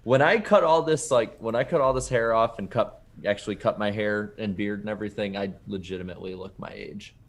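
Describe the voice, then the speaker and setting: A man's voice: fairly low pitch, brisk, few pauses. A man in his twenties chatting casually on a podcast, laid-back and chuckling. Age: 20s. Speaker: podcast guest. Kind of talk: casual chat.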